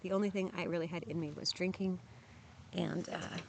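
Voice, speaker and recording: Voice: medium pitch, steady tone, normal speed, creaky, background noise. Frank, earnest voice speaking outdoors at a campsite. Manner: frank, earnest, plainspoken with frequent restarts. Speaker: vlogger sharing lived experience of trauma. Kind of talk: candid personal talk to camera.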